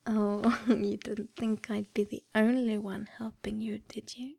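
Sultry, slow whispering woman as a seductive dream lover. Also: a little high, little pitch movement, darkish tone, dry recording, clean studio sound, exaggerated voice. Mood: sultry, soothing. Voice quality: breathy, whispery. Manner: sultry, slow, intimate narration. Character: seductive, adoring dream woman guiding a hypnotic fantasy. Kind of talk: whispered role-play.

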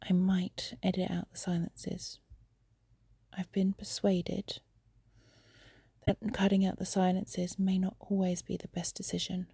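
A young adult woman whispering softly and confidingly into a phone while lying in bed. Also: on the low side, monotone, no echo. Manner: soft breathy whisper, unhurried and confiding. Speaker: amateur audio creator. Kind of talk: whispered intimate audio diary. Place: in bed, lying on her side. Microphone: phone held close.

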